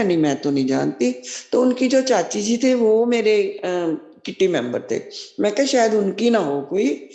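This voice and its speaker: A middle-aged woman sharing a devotional testimony as spoken storytelling, acting out quoted dialogue and repeating devotional refrains. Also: on the low side. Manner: animated storyteller who acts out quoted dialogue. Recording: echoey room.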